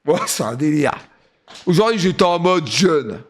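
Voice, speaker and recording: Joking male streamer, slightly high voice. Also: lively intonation, a little slow, a little hiss or hum. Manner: joking, talks straight to viewers. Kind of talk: casual chat.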